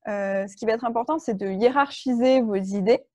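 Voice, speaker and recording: A woman's voice: a little high, moderate pace, mellow, no echo. A woman leading an online workshop, explaining step by step with frequent fillers and restarts. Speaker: workshop trainer.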